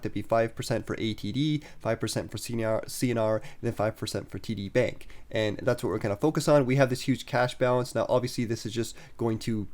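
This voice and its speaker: A man's voice: medium pitch, a little mellow. A man hosting a casual investing update, a bit stuffed up from a head cold, talking upbeat and straight to his viewers with plenty of fillers. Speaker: investing channel host.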